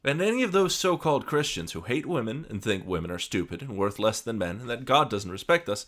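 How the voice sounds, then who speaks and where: A man's voice: medium pitch, sing-song, brisk, fairly bright tone, voice pushed up. A man voicing a prim, preachy middle-aged woman who writes fan fiction, sugary and self-righteous.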